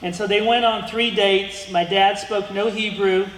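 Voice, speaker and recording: Speaking about his family, this middle-aged guest speaker from the United States rambles through a slide-illustrated museum lecture, often restarting and saying "um." His high voice is fairly bright with fairly even intonation, his pace a little slow. Long reverb fills the echoey room, along with slight background noise.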